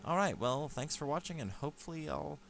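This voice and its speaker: A man's voice: a little high, brisk, gravelly, fairly bright tone, faint music behind. A man giving a casual, rambling game review over gameplay, with lots of fillers and restarts.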